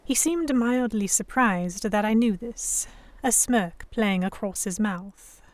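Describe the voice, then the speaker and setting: Slow and close to an everyday voice, this medium-pitched female narrator and lead actor voices a young Victorian English noblewoman in captivity for an audio drama. Her tense first-person narration is sardonic and defiant, with formal diction and no echo.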